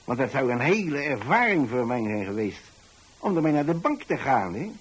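In a radio play, a man with a mid-range, slightly breathy voice narrates at a normal pace as an old, plain-spoken pensioner who takes in lodgers. His pitch swings widely as he tells his story in a hesitant, repetitive, folksy ramble, and the mood is reflective.

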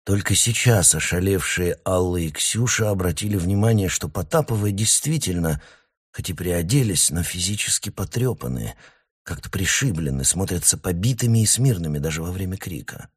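A man narrating an audiobook in an expressive, dramatic reading. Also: low voice, normal speed, slightly rough.

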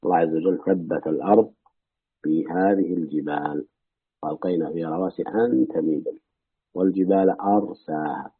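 A deep-voiced man with a husky tone reads through an old scripture commentary in a steady, measured way. The sound is dry and tinny, like a phone line. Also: dry recording. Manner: measured reading that drops to low asides. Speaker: reader and teacher of Quran commentary. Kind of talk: reading a classical commentary aloud with brief remarks.

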